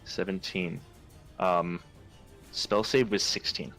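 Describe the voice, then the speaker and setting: A man's voice: low-pitched, fairly even intonation, slow pace, a bit bright, soft background music, low-quality recording. A man narrating as game master in a tabletop role-playing game, in a loose, rambling way.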